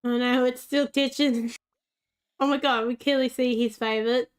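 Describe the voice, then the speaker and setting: A woman's voice: fairly high pitch, fairly even intonation, moderate pace, clean tone. A woman giving casual gameplay commentary and talking fondly to the pets in a game. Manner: chatty, talks fondly to the game's pets. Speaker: gaming channel host.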